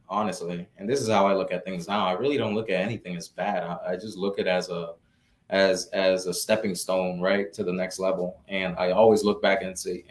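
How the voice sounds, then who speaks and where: A young man from Florida in his twenties, talking casually as a guest in a live Q&A, relaxed and full of "you know" and restarts. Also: sits low. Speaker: guest, real estate investor.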